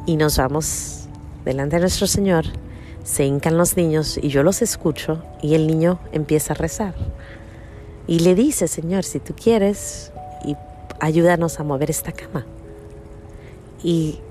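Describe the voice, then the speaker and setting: A middle-aged woman gives a personal faith testimony in a somewhat low voice. She speaks earnestly and repeats herself, often checking in with small tag questions. Soft music plays faintly behind her. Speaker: mother telling a faith testimony.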